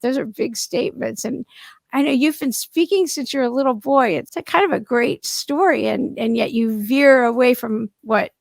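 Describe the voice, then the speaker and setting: A woman's voice: a little high, moderate pace, gravelly, dry recording. A woman hosting an interview, chatty and enthusiastic as she asks her questions. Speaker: podcast host.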